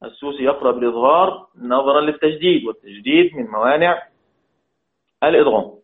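A man teaching Quran recitation rules, repeating each phrase and chanting the quoted verses slowly. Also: mid-range voice, sing-song. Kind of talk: religious lesson. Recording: tinny phone-like audio.

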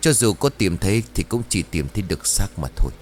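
Man playing a stern old exorcist guy, deep and solemn, spooky audiobook. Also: big pitch swings, darkish tone, faint music behind. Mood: grave. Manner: slow, low and solemn. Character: grave old male exorcist master.

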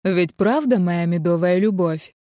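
A woman's voice: on the low side, measured pace, warm tone, no room sound, clean studio sound, close to an everyday voice. A woman voicing a domineering, teasing Scottish laird in an audiobook, in a commanding manner. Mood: coaxing.

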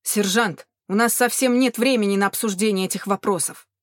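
A woman voicing a weary male captain who speaks gravely and measuredly. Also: medium pitch, dry recording, studio quality, lightly acted.

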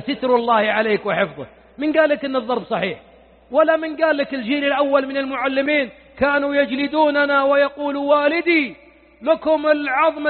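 Impassioned high-voiced Saudi preacher, tinny hall. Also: male voice. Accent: Saudi Arabian. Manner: impassioned, pleading, rhetorical questions. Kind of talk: sermon. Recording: tinny lo-fi recording in a reverberant hall.

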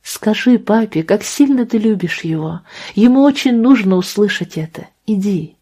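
A woman voicing a gentle, strained middle-aged mother who speaks softly and soothingly, in an audiobook. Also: mid-range voice, lively intonation, normal speed, slightly rough. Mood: tender. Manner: soft and soothing.

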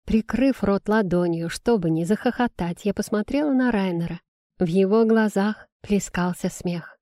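A woman reads a first-person fantasy audiobook in an even, storytelling manner. Her voice is mellow and warm, recorded close and dry. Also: mid-range voice, normal speed, no echo. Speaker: audiobook narrator.

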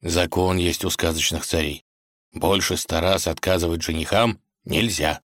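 A man's voice: low voice, steady tone, normal speed, a bit bright, no room sound, clean studio sound. A man voicing a cunning, self-important male wolf who speaks slyly and commandingly in a fairy tale. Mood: scheming. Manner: sly, commanding, self-assured.

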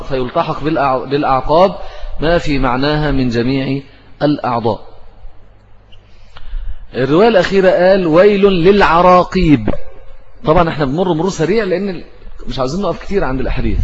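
A man's voice: fairly high pitch, slight background noise. Egyptian male religious teacher, lesson delivery, muffled recording with long hall reverb. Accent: Egyptian Arabic. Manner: asks and answers his own questions. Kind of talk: religious lesson explaining hadith.

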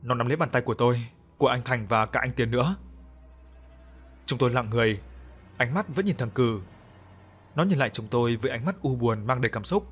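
A man narrating a story in the first person, with a somber, measured reading and acted dialogue. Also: medium pitch, fairly bright tone, breathy edge, soft background music.

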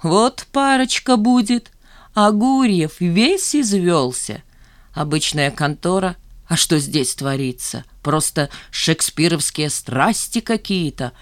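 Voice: medium pitch, animated, slow pace, dry recording. A narrator voicing a mocking, gossiping male coworker who draws out his words theatrically.

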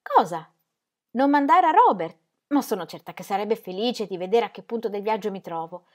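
A woman's voice: mid-range voice, fast, a little mellow, close to an everyday voice. A woman reading aloud, voicing a naive young wife who questions everything in bewildered earnest. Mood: puzzled.

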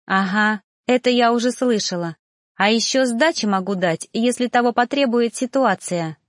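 Woman doing a sassy teasing young girl apprentice, high and mocking, dry. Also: normal speed, dry recording, close to an everyday voice. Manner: mocking, teasing, raised lively voice. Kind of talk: audiobook character voice.

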